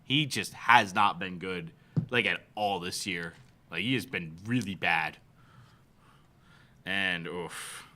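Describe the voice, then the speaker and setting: A man co-hosting a baseball fan livestream, excitable and quick to laugh. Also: sits low. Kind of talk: casual fan chat.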